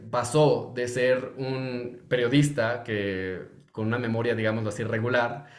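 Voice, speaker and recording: A man teaching a Hebrew course in a conversational lecture style, with frequent fillers and restarts. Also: mid-range voice. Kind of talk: informal recorded lecture. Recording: echoey room.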